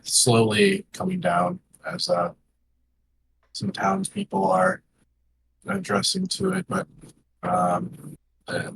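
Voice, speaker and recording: Slow, gravelly-voiced man running the game. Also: sits high, background noise. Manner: hesitant, many fillers and restarts. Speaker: game master. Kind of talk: narrating a tabletop game online.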